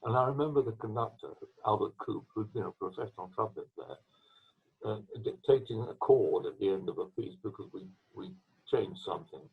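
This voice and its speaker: Older man with a husky voice, tinny line. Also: on the low side. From England. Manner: rambling, halting anecdotes with restarts and throat-clearing. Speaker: retired trombonist, interviewee. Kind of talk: storytelling interview. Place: at home. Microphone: video call. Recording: tinny video call line.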